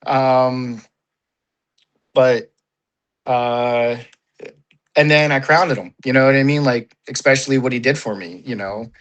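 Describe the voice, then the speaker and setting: A man's voice: medium pitch, a little slow, long pauses, fairly bright tone, dull audio. Rambling man full of "you know". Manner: rambling, heavy on fillers like "you know" and "like", swears freely. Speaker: paintball player, interview guest. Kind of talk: casual interview.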